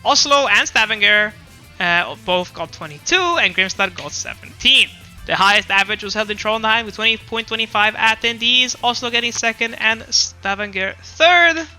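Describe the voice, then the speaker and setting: Bright, lively young man presenting. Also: sits high, moderate pace, soft background music. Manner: chatty, self-deprecating asides, laughs at own jokes. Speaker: presenter of a regional esports recap. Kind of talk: casual narrated slideshow presentation.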